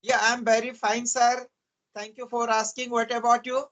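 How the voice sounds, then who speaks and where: A native Hindi speaker from Uttarakhand with an Indian accent is the guest in an English practice chat, speaking politely and formally and often saying "sir." His voice is extremely high-pitched and a bit bright, with a flat delivery at normal speed.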